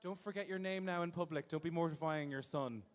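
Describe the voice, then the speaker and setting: A man on the higher side of pitch speaks briskly while hosting a live show. He jokes with the crowd in a campy, teasing, playful style on a handheld microphone, and the venue's large hall echoes.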